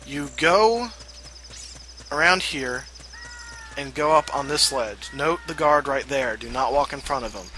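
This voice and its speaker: A man's voice: mid-range voice, noisy background. A man from the Southern US giving casual walkthrough commentary on a video game, full of fillers and asides. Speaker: let's play host. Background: game music.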